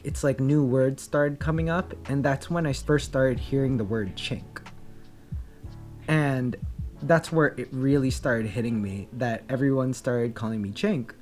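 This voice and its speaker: A man's voice: mid-range voice, a little mellow. A young man telling a candid personal story, reflective and earnest, with many fillers and restarts. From Philippines. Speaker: vlogger.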